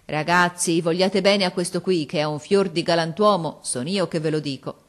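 A hearty middle-aged working-class father, put on by a woman reading a storybook aloud. He speaks loudly and jovially, his voice pushed a little higher and brighter than the reader's own low, calm narration. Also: normal speed, lightly acted. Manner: loud, jovial, toasting.

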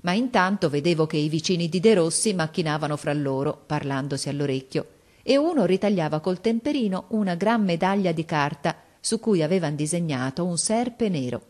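A woman narrating an audiobook of a classic novel in an expressive, measured storytelling voice. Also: lowish voice.

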